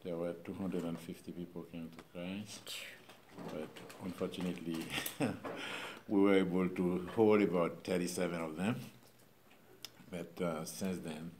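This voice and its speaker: A middle-aged Haitian pastor with a Haitian accent, speaking informally to a church group in a halting way, with many pauses and fillers. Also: male voice, deep voice, fairly even intonation, a little mellow, a little hiss or hum.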